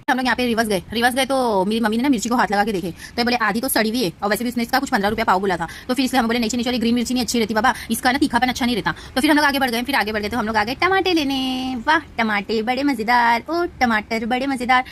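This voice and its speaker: A young woman narrates her day as a vlog voice-over, talking very fast in a playful, rambling, self-teasing way. Her voice sits a little high. A faint background hum runs under the recording. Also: fairly bright tone. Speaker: vlogger.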